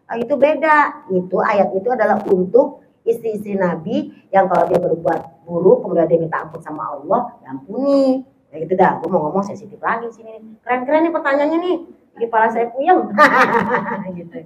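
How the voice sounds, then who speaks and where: A woman's voice: mid-range voice, lively intonation, normal speed, darkish tone, a little hiss or hum. A woman giving an informal religious study talk, chatty and affectionate with her audience. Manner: chatty, affectionate, calls listeners "sayang". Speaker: preacher. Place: mosque hall. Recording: echoey, dull hall recording.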